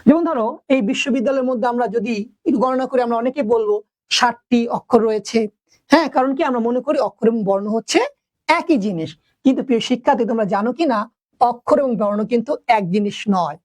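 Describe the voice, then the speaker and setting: A young woman teacher giving a video lesson, asking her students questions and drawing out words slowly to count their syllables. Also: on the high side, darkish tone, dry recording.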